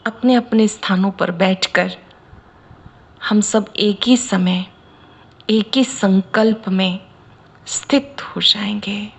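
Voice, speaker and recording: Leading a slow meditation discourse, a woman from India guides listeners as a spiritual teacher, her phrases short, deliberate and punctuated by pauses. Her mid-range voice is gravelly with a breathy edge.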